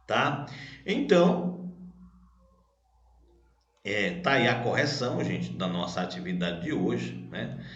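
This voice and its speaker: A man, a teacher, patiently correcting a grammar worksheet for children, asking questions and answering them himself, spelling out syllables slowly. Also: fairly low pitch, very animated, lo-fi sound. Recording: echoey room.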